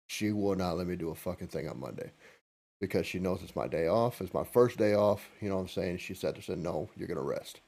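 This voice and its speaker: A man's voice: sits low, darkish tone. An older man co-hosting a podcast, talking in a casual, emphatic way and repeating his points. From United States. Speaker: podcast co-host. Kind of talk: casual chat.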